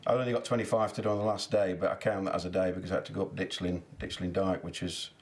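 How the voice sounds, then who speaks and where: A man's voice: sits low, level tone, quick pace. A man, a charity cyclist chatting as an interview guest and laughing as he tells stories. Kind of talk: interview chat.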